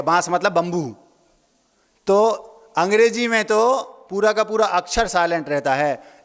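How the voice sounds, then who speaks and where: High-voiced monk preaching in an echoey hall. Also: male voice. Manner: playful wordplay, asks the audience questions. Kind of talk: sermon.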